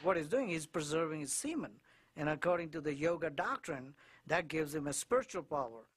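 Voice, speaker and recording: A man's voice: fairly high pitch, expressive, fairly quick, husky, no echo. A man, an author, earnestly and bluntly explaining his findings in an interview.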